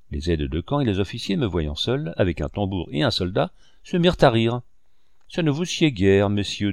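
A man narrates a first-person memoir in a measured storytelling manner. His voice sits low. The recording is dry and close. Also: vocal fry, darkish tone, no echo. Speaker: audiobook narrator.

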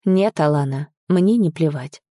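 A woman voicing a brooding young man in a wheelchair, gruff and bitter but tender. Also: sits low, animated, measured pace, mellow, dry recording, clean studio sound.

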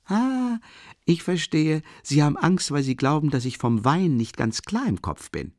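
A man reading an audiobook voices a drunk, rapturous young man who babbles in an excitable, gushing rush. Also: a little high, unhurried, dry recording, clean studio sound, pitched above the performer's own voice. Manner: excitable, gushing, tumbling speech. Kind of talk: audiobook character voice.

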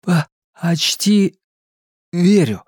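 A man's voice: high voice, lively intonation, extremely slow, no echo, clean studio sound, voice pushed up, full character voice. A reader doing a stammering earnest boy. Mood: awed. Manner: heavy stutter on first sounds.

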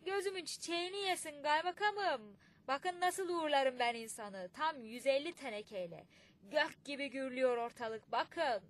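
A woman voicing a boastful village man in an audiobook, calling out loudly with pride. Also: high voice, expressive, moderate pace, voice pushed up. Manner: loud, boastful.

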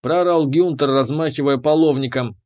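A man's voice: a little high, moderate pace, a little mellow. A man reading a first-person science fiction audiobook as narrator.

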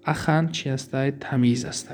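In this recorded Arabic grammar lesson, a Tajik-accented man with a medium-pitched, steady voice reads examples slowly before explaining them at a quick clip. Faint music plays behind him.

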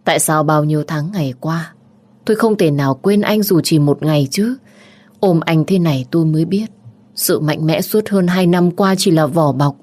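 Woman, low voice, first-person story narration, even emotional delivery. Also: normal speed.

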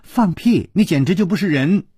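A man voicing a proud, sharp-tongued young princess who teases and snaps. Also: medium pitch, very animated, husky, dry recording, clean studio sound. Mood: indignant. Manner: teasing, petulant, quick to anger.

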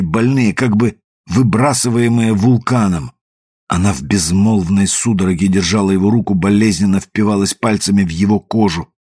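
A man narrating a novel aloud, with a husky voice. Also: on the low side, darkish tone, no echo, studio quality. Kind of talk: audiobook narration.

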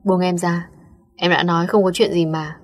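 Tearful young female student, read by a woman; husky, low, insistent. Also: little pitch movement, moderate pace, natural voice. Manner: insistent, pleading.

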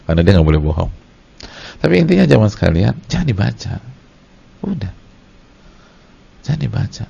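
A middle-aged man, an Islamic preacher giving a lecture to his congregation in a lively, storytelling way. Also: fairly low pitch, normal speed. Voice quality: gravelly, husky. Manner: lively storytelling, acts out short scenes. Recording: dull lo-fi lecture recording.

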